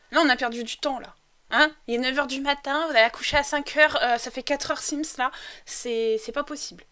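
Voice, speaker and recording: A young woman casually commenting on her life-sim game, bossing her characters around and swinging from loud urging to low mutters. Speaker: gaming video host. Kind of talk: casual Let's Play commentary.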